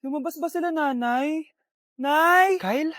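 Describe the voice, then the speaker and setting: A woman playing a little boy from a short skit, high-pitched and wide-eyed. he pleads and gushes with eager hope, his voice bright and childlike. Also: unhurried. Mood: wistful. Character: young boy longing for his lost family.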